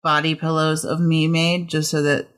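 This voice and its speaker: A woman's voice: sits low, little pitch movement, normal speed, fairly bright tone. A woman co-hosting a podcast in casual chat, joking and self-deprecating. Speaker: podcast co-host.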